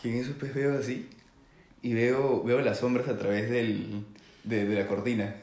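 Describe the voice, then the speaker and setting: A man's voice: mid-range voice, level tone, normal speed, darkish tone. A young man telling a crude story on a casual podcast, laughing a lot and using crude slang. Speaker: podcast co-host. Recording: echoey room.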